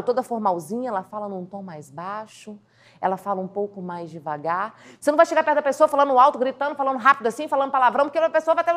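Animated woman coaching. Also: high-pitched. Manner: animated, acts out little scenes in quotes. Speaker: communication coach. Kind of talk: lively video lesson.

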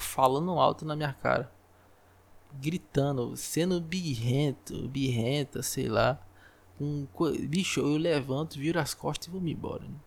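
Brazilian man, podcast host, slightly high gravelly voice, profane exasperated rant, close mic. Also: darkish tone. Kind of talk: solo podcast monologue. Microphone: close podcast microphone.

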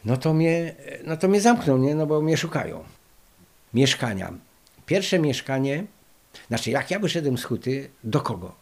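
Gravelly older man telling stories. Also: on the high side, moderate pace. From Poland. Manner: lively anecdotal storytelling with many fillers. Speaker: interviewee recalling the past. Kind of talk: oral history storytelling.

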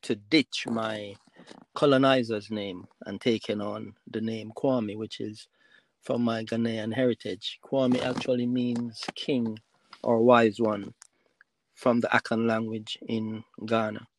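A man from Jamaica, a podcast guest on a call line, talking about himself in a halting way with many fillers and restarts. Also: lowish voice, level tone, no room sound. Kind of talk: casual interview talk.

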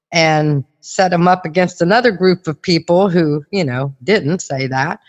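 A woman's voice: fairly low pitch, in a large hall. A woman host chatting casually, explaining things in a conversational way. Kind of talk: casual chat explaining studies.

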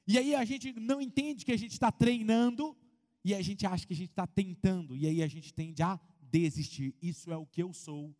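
A man preaching a sermon as pastor, in an animated way. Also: high-pitched, moderate pace, big-room sound. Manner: animated preaching, acts out congregants' voices.

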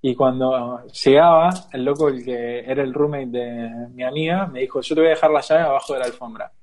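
A young Argentine man with a Rioplatense accent, casually telling a lively travel anecdote, laughing often and acting out the people in his story. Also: medium pitch, brisk. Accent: Rioplatense Argentine Spanish. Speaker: guest storyteller.

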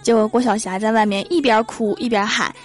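A woman's voice: on the high side, steady tone, a little fast. A young woman, telling funny stories in a punchy, joking way as a comedy host. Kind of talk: comedic storytelling monologue.

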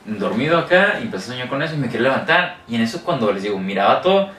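A young man with a Mexican accent telling a scary story in casual chat and acting out shouts and sound effects. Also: medium pitch, very animated, very fast. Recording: echoey room, mic at a distance, faint noise.

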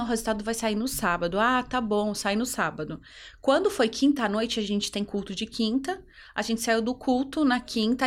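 A woman with a Brazilian Portuguese accent, giving an emotional personal testimony in an interview and telling her story earnestly. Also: mid-range voice.

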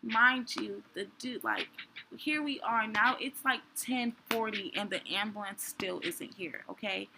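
A woman's voice: mid-range voice, unhurried, background noise. A young woman hosting a show, telling her own story candidly in a rambling way with many fillers. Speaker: podcast host. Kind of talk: personal storytelling.

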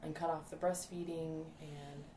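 A woman hosting a podcast interview, encouraging and lively, chiming in with frequent affirmations. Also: low-pitched, moderate pace, reverberant, slight background noise, poor audio. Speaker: podcast host. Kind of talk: casual interview chat.

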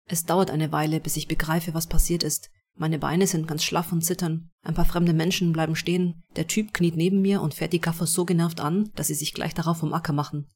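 Steady first-person story narrator. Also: medium pitch, breathy edge. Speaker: audiobook narrator.

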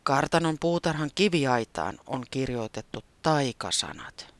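A storyteller voicing an ancient manor spirit, low, soft and half-whispered. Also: big pitch swings, no room sound. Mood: solemn.

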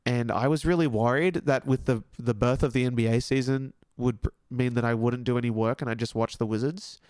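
A young Australian man hosting a podcast, chatting in a rambling, excitable way and swearing casually. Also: mid-range voice, brisk, smooth, no room sound, clean studio sound. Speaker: podcast host. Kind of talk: casual solo podcast chat.

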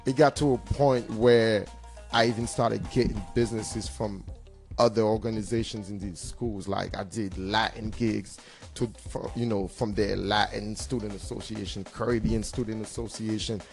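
Low, creaky-voiced man, confident. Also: steady tone, normal speed, a little mellow, faint music behind. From Cameroon. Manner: confident, boastful, slangy. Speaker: DJ and hype man being interviewed. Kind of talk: casual interview storytelling.

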